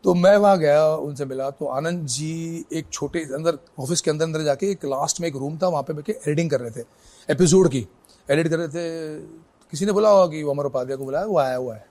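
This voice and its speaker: A middle-aged man, an actor as an interview guest, telling anecdotes in a casual, lively way and slipping English phrases in. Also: a little high, fairly quick.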